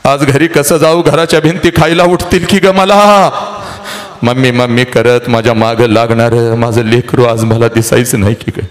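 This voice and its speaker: A man's voice: medium pitch, normal speed, voice pushed down, lightly acted. A man voicing a weeping mother bidding farewell to her daughter. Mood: wailing. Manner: wailing, pleading.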